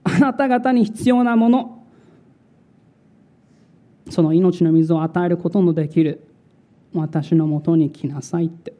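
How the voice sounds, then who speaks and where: A male pastor preaching a sermon in a slow, dramatic way, repeating words for emphasis. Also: on the high side, mellow.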